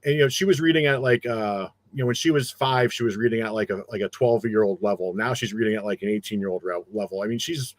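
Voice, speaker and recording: A man's voice: fairly low pitch, quick pace, hardly any pauses, no echo. A middle-aged man with a New Jersey accent, chatting casually as a guest and rambling with many fillers and restarts. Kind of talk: casual chat.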